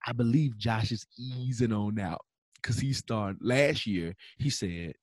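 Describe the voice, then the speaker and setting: A man's voice: on the low side, a little slow, no echo. A man, telling stories casually as a podcast co-host and animatedly acting out dialogue.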